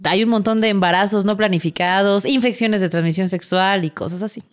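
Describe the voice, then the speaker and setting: A woman's voice: mid-range voice, brisk. A woman speaking as a podcast guest in frank, teasing, casual conversation. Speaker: podcast guest, sex educator. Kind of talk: casual, playful chat.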